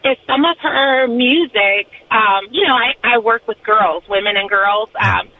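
A woman's voice: a little high, unhurried, no room sound. A woman calling in to a radio show over the phone. She speaks earnestly and thoughtfully, with frequent ums. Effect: heard over a phone line. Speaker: caller. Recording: tinny phone line.

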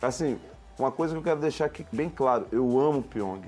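A man in his forties telling stories in an interview, emphatic and animated, often restarting and acting out the dialogue he quotes. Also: mid-range voice, quick pace, soft background music. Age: 40s. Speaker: former reality show contestant.

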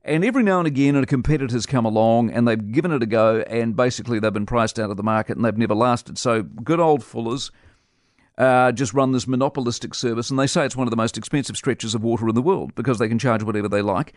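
A man's voice: mid-range voice, quick pace, no room sound, studio quality. A man hosting a radio show, giving blunt, scornful opinion commentary. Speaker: radio host. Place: radio studio.

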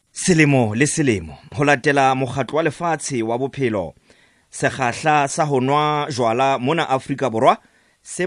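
A man's voice: medium pitch, no echo. South African Sotho-accented radio host, dry studio man. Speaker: radio talk show host. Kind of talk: radio interview hosting.

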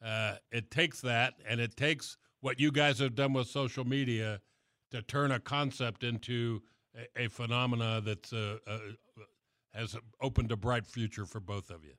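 A man hosting a casual live radio interview, talking in a loose, halting way. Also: medium pitch, steady tone, fairly bright tone, no room sound, clean studio sound. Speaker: radio show host.

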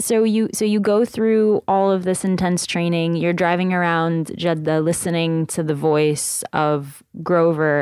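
A woman's voice: on the low side, darkish tone, clear, resonant tone, dry recording, studio quality. A woman hosting an interview, asking curious, rambling questions. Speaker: host.

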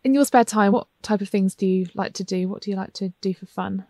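A woman's voice: medium pitch, fairly quick, a little mellow, no room sound, clean studio sound. Polished woman co-host. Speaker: podcast co-host. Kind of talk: hosted interview, partly scripted introduction.

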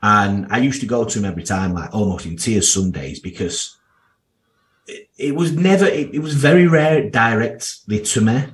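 A man's voice: on the low side, lively intonation, normal speed. A man in his thirties with a strong Yorkshire accent, talking candidly as an interview guest in a blunt, down-to-earth, slangy way. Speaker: podcast guest, financial services professional.

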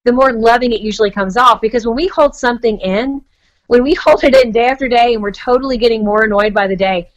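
A woman's voice: fairly high pitch, fast talker, lo-fi sound. An American woman guest giving conversational advice in an earnest, chatty manner. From United States. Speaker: guest marriage expert.

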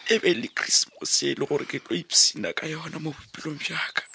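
A man with a South African Sotho accent playing a weary, grieving father in a radio drama, sighing and halting. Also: very deep voice, lively intonation, pushed and bright, slight background noise, full character voice. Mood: distraught, grieving.

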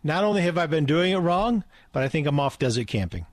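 Male radio co-host, slightly higher voice, dry studio sound, earnest and emphatic, repeats key points. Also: big pitch swings, brisk, dry recording. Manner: earnest, explaining, emphatic repetition. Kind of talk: casual radio banter.

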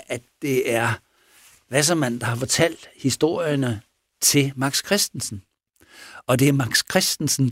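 Guy telling a story casually, animated, chuckles a lot, ordinary middle voice, dry. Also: mid-range voice, dry recording. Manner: chuckling, animated, asks for agreement. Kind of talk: casual spoken retelling of a true story.

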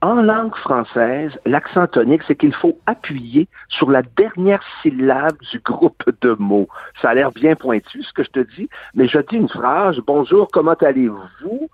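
A man's voice: a little high, sing-song, a little slow, few pauses, slightly rough, no echo. An older man with a Québécois accent, a guest actor explaining at length, emphatic and long-winded in a radio interview. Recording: dry phone-like radio sound.

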